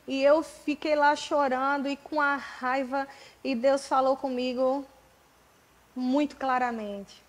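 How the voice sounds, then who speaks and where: A woman in her forties with a Brazilian accent, preaching in church, telling her own story with jokes and loud emphatic bursts. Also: sits high, fairly even intonation, slow, rough recording. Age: 40s. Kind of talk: sermon with personal testimony.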